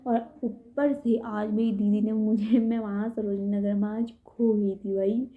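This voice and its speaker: A woman's voice: medium pitch, little pitch movement, a little slow, phone-quality sound. A young woman from India telling a story in a casual vlog, chatty and tired, calling her viewers brother and guys. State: tired, head aching. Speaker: vlogger. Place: indoors at home.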